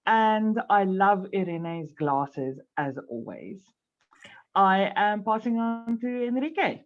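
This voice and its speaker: A woman's voice: mid-range voice, big pitch swings, takes it slowly, faint music behind. Cheerful woman. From South Africa. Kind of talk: video call introduction. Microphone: video call. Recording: lo-fi video call audio.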